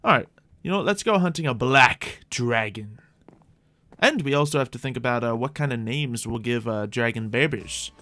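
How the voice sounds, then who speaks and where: An animated man with a medium-pitched, bright and forceful voice speaks at a moderate pace in a dry recording. As a gaming host playing a roleplay character, he offers improvised, playful commentary while thinking aloud for his audience.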